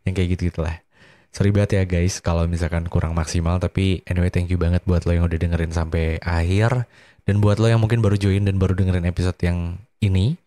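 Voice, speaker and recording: With a dark tone and no room sound, this Indonesian-accented man hosts a solo podcast late at night, chatting loosely. Fatigue and a slight illness show in his drowsy, sleepy, low-energy manner.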